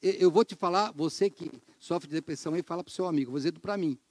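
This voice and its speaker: A middle-aged Brazilian man preaching a sermon as pastor, animated, acting out quoted complaints and dropping to a hushed voice for emphasis. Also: fast, dry recording. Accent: Brazilian Portuguese. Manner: animated, acts out quoted complaints with sudden pitch jumps; drops to a hushed low voice for emphasis.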